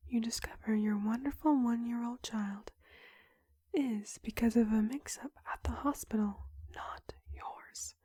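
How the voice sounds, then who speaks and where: A young woman whispering an ASMR roleplay as a clinic counselor, asking questions softly with pauses. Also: a little high, breathy edge, no echo, studio quality. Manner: soft whisper throughout, slow questioning with pauses. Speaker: ASMR creator.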